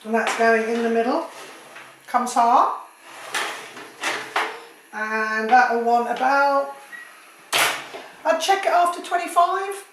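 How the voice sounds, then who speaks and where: A woman's voice: a little high, takes it slowly, pauses often, noisy background. A woman giving a cooking demonstration at home, chatty and rambling, with jokey asides. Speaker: home cook. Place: home kitchen. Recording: echoey kitchen with clattering dishes.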